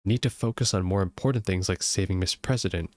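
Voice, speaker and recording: A man's voice: deep voice, fast, darkish tone. A man giving casual gaming commentary and reading story text aloud as he plays. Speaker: let's play streamer.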